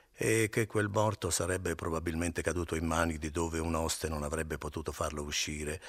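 A man narrating a classic novel as an audiobook, with an expressive, dramatic reading. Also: a bass voice, slightly rough, dry recording, studio quality.

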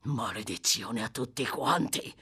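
A woman reading an audiobook voices a desperate, brutal male murderer on the run, growling low and breaking into furious shouts. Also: lively intonation, brisk, slightly rough, full character voice. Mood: grim dread.

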